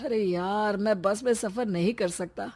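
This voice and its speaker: A woman's voice: mid-range voice, a little slow, a little mellow. A woman voicing a young husband who is pregnant, whiny, fearful and always complaining. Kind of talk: storybook voice acting.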